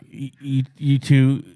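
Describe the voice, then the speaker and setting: A man hosting a casual sports talk show, folksy, clearing his throat often and repeating words as he starts. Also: medium pitch, mellow. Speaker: podcast host.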